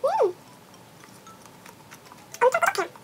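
A woman's voice: extremely high pitch, very animated, racing, soft background music. A woman vlogger talking while chewing noodles, commenting between bites in a casual food vlog. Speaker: mukbang vlogger.

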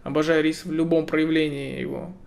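Joking young man with a gravelly voice. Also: fairly high pitch, flat delivery, fairly quick, a loud crowd. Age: 20s. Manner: joking, teasing, laughs often. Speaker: guitarist chatting with strangers. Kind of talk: casual video chat. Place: indoor room, seated in a chair. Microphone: webcam video call.

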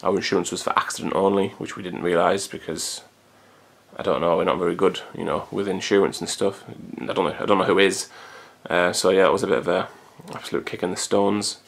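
Low, gravelly man rambling. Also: fairly even intonation, fairly quick. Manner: rambling, chatty, swears casually. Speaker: vlogger. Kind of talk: casual chat to camera. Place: hot room at home. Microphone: camcorder built-in mic.

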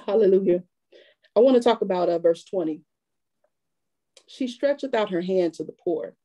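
Mellow-voiced woman preaching with swings in pitch. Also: normal speed, low-quality recording. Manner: lively preaching with call-and-response. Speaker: women's fellowship speaker. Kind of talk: sermon. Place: church.

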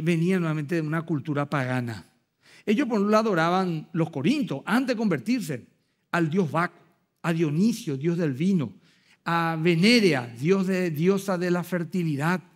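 A man with a Paraguayan Spanish accent preaching a sermon as pastor, animated and acting out little dialogues with rhetorical asides. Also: high voice.

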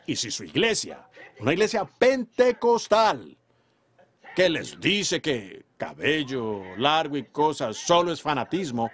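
A man's voice: fairly high pitch, big pitch swings, slow pace. Fervent male preacher, emphatic. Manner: emphatic, swings from loud declarations to quiet storytelling. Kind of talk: fervent sermon delivery.

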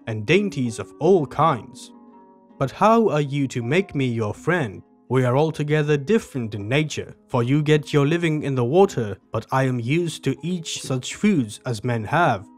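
A man's voice: mid-range voice, lively intonation, a little slow, faint music behind. A man reading as a boastful mouse warrior. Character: proud boastful young male mouse warrior.

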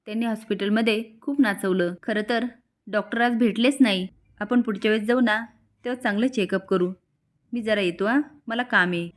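A woman reading the lines of a gentle, worried young man as she retells a TV serial, in a soft, hesitant way. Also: medium pitch, a little fast, lightly acted. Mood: evasive.

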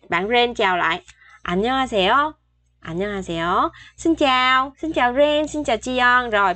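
Woman teaching Korean, repeating words. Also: a little high. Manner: repeats words slowly for practice, chatty with soft sentence endings. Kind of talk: online language lesson.

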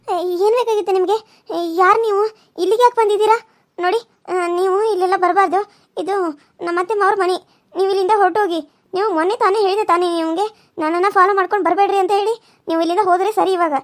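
A woman voicing a frightened young married village woman in a cartoon serial, pleading through tears. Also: very high voice. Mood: firm refusal. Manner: tearful pleading.

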